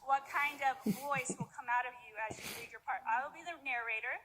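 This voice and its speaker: A woman's voice: high voice, fast, pushed and bright, rough recording. A woman pastor narrating a scripture story in church, upbeat and playful as she guides volunteers. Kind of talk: narrating a scripture skit to a congregation.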